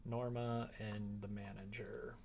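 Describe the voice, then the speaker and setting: His voice is fairly low and a little mellow, delivered flatly at a slow pace. He's a streamer rambling casually and thinking out loud as he works through a tutorial on a livestream. Background noise and keyboard typing come through in a clear recording.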